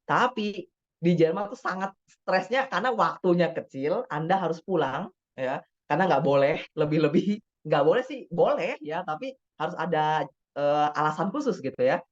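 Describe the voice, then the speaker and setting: Panel doctor from Indonesia, loose conversational delivery, voices quoted colleagues, mid-pitched voice, dull video-call audio. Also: animated, moderate pace. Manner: chatty, acts out quoted dialogue, frequent tag words. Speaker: doctor speaking on a webinar panel. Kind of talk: casual webinar talk. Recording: slightly dull lo-fi webinar audio.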